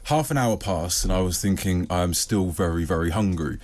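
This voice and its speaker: A man's voice: sits low, normal speed, darkish tone. A British man, a radio producer in a studio, telling a story in mock self-defence. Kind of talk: studio banter.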